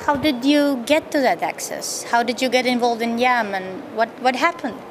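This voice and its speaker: A woman's voice: on the high side, normal speed. A woman interviewer asking brief, plain questions outdoors. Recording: outdoor recording with traffic noise.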